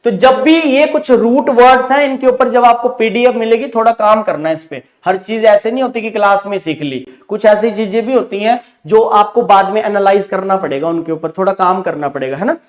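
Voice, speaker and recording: A man with a very high-pitched voice teaches grammar in an online exam-prep class, speaking with an Indian English accent. He moves between Hindi and English, keeps asking students whether they follow, and slows to a careful, drawn-out pace for each English example sentence.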